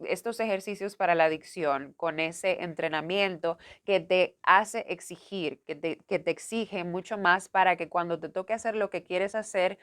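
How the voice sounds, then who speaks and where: A woman's voice: on the low side, a bit bright. A woman university lecturer giving a recorded lesson on voice and diction, explaining step by step and speaking directly to her students. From Dominican Republic. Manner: clear, didactic, addresses students directly.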